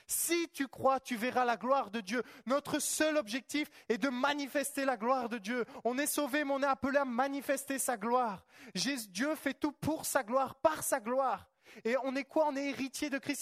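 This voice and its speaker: High-voiced fervent preacher man. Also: no room sound, studio quality. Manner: fervent, repetitive, asks the congregation rhetorical questions. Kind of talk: charismatic church sermon.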